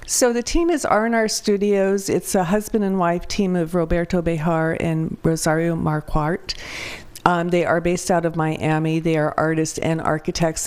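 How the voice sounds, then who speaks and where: A woman consultant with a raspy, hoarse voice, presenting a project to a city council in an orderly way. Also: sits low, flat delivery, normal speed, darkish tone. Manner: orderly, reads through points with some fillers. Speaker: public art consultant.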